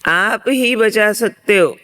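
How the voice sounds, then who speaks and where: A woman's voice: medium pitch, slow, fairly bright tone, smooth, voice pushed up. A woman playing a desperate man hanging from a branch over a ravine, pleading and crying out for help in a story.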